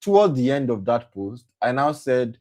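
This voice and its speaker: A young adult man hosts and speaks at a motivational program for young people, using a mid-range, darkish voice at a moderate pace. He is very animated, repeats his points, corrects himself mid-sentence, and keeps checking in with "right?"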